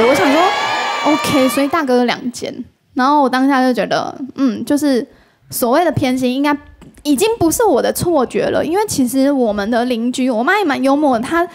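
A woman with a Taiwanese Mandarin accent, a talk show guest telling a story casually and acting out the voices of the people in it. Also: sits high. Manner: animated, acts out quoted dialogue.

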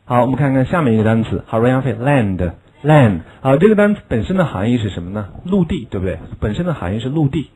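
A man teaching English vocabulary in a classroom lesson, explaining in Chinese and drilling words slowly, with a chuckle at his own asides. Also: mid-range voice, very animated, a little mellow, husky, rough recording.

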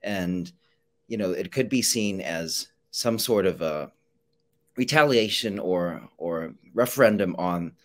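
Young male interviewer, very low voice, measured formal questions over a video call. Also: expressive, fairly bright tone. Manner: measured, with frequent ums.

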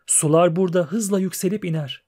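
A man reading the part of a learned young female poet, explaining things in an even, plain manner. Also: sits high, a little fast. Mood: patient.

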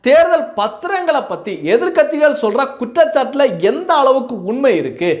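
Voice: high-pitched, expressive, moderate pace. A narrator giving an explanatory voice-over that summarizes a speech. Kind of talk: news commentary voice-over.

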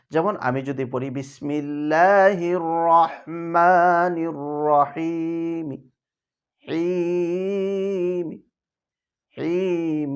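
In a televised lesson, a man with a voice on the high side teaches the rules of Quran recitation. He explains each step and chants verses slowly as examples.

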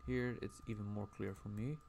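A man's voice: on the low side, fairly even intonation, moderate pace, creaky, darkish tone, slight background noise. A man streaming casually as he draws, rambling and chatting while reading out viewer messages. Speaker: livestreamer.

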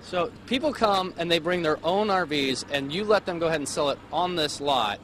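Holding a handheld mic, a young field reporter goes live for morning TV on an RV sales lot, first outdoors beside an RV and then inside it. His fairly high, fairly bright voice moves at a moderate pace in an upbeat, chatty promo style, with slight background noise.

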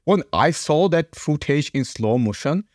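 Lively young man reacting on camera. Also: fairly high pitch, a little slow, dry recording, clean studio sound. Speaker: fan channel host reacting to clips. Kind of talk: casual reaction commentary. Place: small home studio, indoors. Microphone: podcast mic on a boom.

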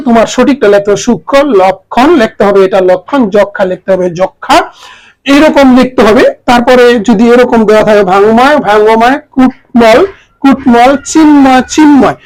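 A teacher giving a grammar lesson to students, saying each example word twice in a slow, careful way. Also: mid-range voice, darkish tone, rough recording.

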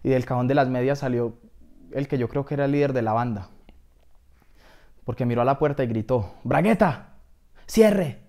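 A man telling an absurd comedy story in a deadpan way, as if talking to a doctor. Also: mid-range voice, a little fast, long pauses.

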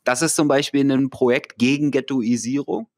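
A man's voice: mid-range voice, steady tone, moderate pace, a little mellow, no echo. Podcast co-host, Berlin man, argues with examples, dry close mic. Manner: argumentative, explains with examples. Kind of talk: casual political discussion.

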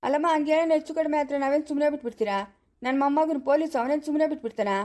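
A bossy old village grandfather, voiced by a woman, in an amateur family drama. He talks in blunt, scolding rural Chikkaballapura Kannada, quick and dismissive, pitched lower than her usual voice. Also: darkish tone, natural voice. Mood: gruff, dismissive.

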